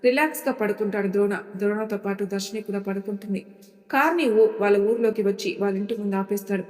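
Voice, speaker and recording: Audio story narrator: woman, steady delivery, mellow tone, reverberant room. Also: medium pitch, fast.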